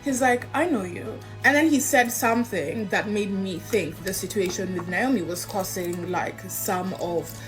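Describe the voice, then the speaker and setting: A young woman telling her own story in an expressive way, acting out the dialogue. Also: measured pace, hardly any pauses, faint music behind, low-quality recording. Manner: expressive, acts out quoted dialogue with big pitch jumps. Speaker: interviewee recounting a personal story. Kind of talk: animated personal storytelling.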